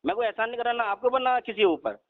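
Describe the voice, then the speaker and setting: A man as a bank customer on a heated phone call, firm and steady, who keeps saying "okay ji". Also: very high voice, racing. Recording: tinny phone line.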